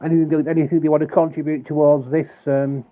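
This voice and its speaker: A man hosting a casual live stream, talking haltingly and repeating words as he restarts sentences. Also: a little high, flat delivery. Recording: tinny phone-like sound.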